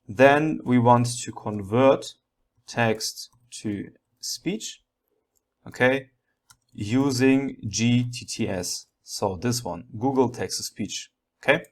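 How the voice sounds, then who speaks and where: A man's voice: mid-range voice, slow. A man giving a step-by-step programming tutorial, thinking aloud and often checking in with a short okay.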